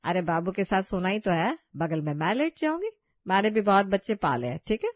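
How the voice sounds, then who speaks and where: A woman voicing a kind older mother-in-law who scolds fondly and calls out loudly in a cartoon. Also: mid-range voice, big pitch swings, fairly quick, no room sound, muffled recording, natural voice. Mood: fussing caring.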